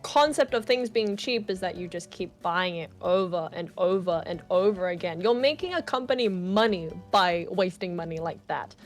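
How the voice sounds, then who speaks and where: A woman's voice: on the low side, lively intonation, normal speed, few pauses, faint music behind. A woman hosting a livestream, chatting casually and upbeat while she draws, laughing often. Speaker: livestream host. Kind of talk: casual chat while drawing.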